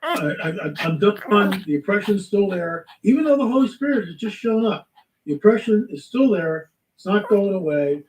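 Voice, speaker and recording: A man telling a spiritual testimony in lively storytelling, acting out the voices in his story. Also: high-pitched, normal speed, reverberant, far from the mic, slight background noise, poor audio. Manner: animated storytelling, acts out quotes. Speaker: guest. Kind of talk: testimony in a talk show.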